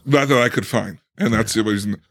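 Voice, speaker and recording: A young man co-hosting a book podcast, chatting casually with halting restarts and frequent laughs. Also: lowish voice, gravelly, a bit bright. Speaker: podcast co-host. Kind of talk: casual chat.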